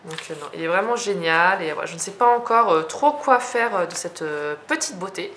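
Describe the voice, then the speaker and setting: A woman's voice: fairly low pitch, lively intonation, a little fast, fairly bright tone, a little hiss or hum. A young French woman chatting casually as she shows her journals, talking with many fillers and restarts. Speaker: journaling vlogger. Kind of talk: casual show-and-tell.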